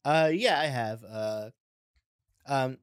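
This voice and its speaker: A man who is a standup comedian, chatting as a podcast guest and teasing the host with deadpan jokes. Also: medium pitch, smooth, no echo, studio quality. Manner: deadpan teasing, quick lively delivery. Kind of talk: casual podcast chat.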